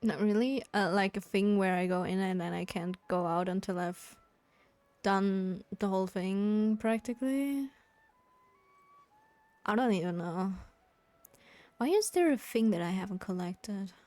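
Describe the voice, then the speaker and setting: A woman live streaming a video game, chatting casually with viewers in a quiet voice kept down at home, sounding a little sleepy. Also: mid-range voice, moderate pace, no echo. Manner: quiet, keeping voice down for a sleeping roommate. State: sleepy, yawning. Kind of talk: relaxed casual chat with viewers. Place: indoors at home. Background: game music.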